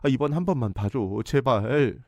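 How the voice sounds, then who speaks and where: A man's voice: mid-range voice, expressive, moderate pace, darkish tone, dry recording, close to an everyday voice. A man doing a weepy pleading young man. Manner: pleading, begging.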